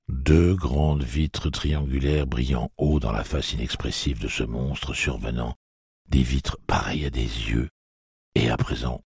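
A man narrating an audiobook in a low, measured, dramatic reading on a close studio mic. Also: vocal fry, breathy edge, no echo. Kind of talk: scripted narration.

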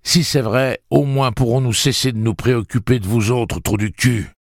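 A man's voice: medium pitch, normal speed, no room sound, clean studio sound, voice pushed up, lightly acted. A man reading an audiobook, voicing a foul-mouthed, menacing young man who sneers out his threats.

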